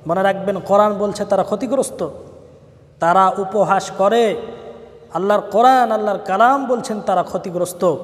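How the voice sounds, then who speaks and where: A man's voice: high-pitched, moderate pace. A man preaching a sermon with a rising and falling cadence, stretching words out for emphasis and chanting verses in Arabic. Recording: long hall reverb.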